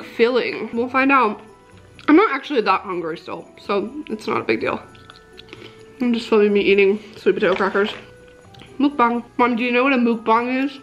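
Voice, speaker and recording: Bubbly woman vlogger, kinda high voice, says like a lot, soft music under it. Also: muffled recording. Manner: chatty and upbeat, lots of "like" fillers, laughs often. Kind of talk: casual vlog chat with a sponsored product segment. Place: her mom's craft room, indoors.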